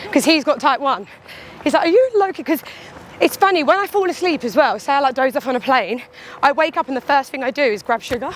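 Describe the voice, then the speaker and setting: While running outdoors, a woman with a high voice chats to the camera a little fast. She's a runner and vlogger giving a candid, animated, casual monologue that slips into little imagined quotes, with faint traffic and ambient sound behind her.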